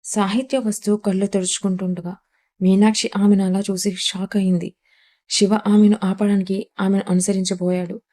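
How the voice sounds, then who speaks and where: A woman storyteller reading a dramatic audio story in steady, even scripted narration. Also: mid-range voice, moderate pace.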